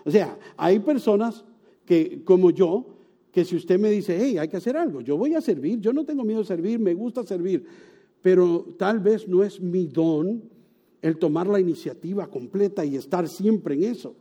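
A man preaching a sermon, telling a story with animated, sometimes loud exclamations and soft, hushed moments. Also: high voice, normal speed, slightly rough. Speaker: pastor.

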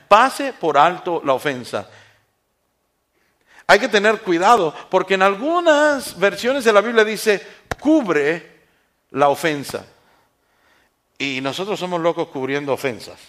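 A man preaching a sermon in a church, switching between loud emphatic lines and quiet asides, and using mocking voices for the people he quotes. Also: sits high.

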